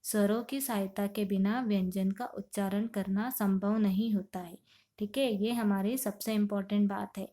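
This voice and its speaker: A woman's voice: medium pitch, fairly even intonation, moderate pace, mellow. A woman teaching a grammar lesson, asking questions and answering them herself, step by step and patiently. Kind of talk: classroom lesson explaining Sanskrit grammar.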